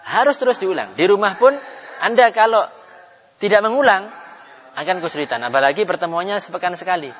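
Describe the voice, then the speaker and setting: A man teaching an Arabic class in a mosque, drawing out each word slowly for students to repeat. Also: high voice, lively intonation. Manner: drills slowly, drawn-out Arabic words for repetition. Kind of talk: live mosque class lesson. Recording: dull sound, long reverb of a hall.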